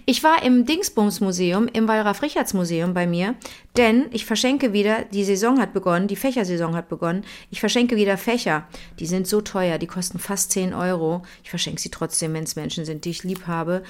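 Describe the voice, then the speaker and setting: A woman's voice: mid-range voice, a little fast. A middle-aged woman, chatting casually on a phone call with a rambling, self-mocking manner. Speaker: co-host.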